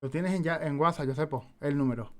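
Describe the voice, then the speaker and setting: Chatting casually mid-game, the young Spanish streamer talks in a slightly high, brisk voice with a fairly bright tone. He wanders through anecdotes, says things more than once and swears without a second thought.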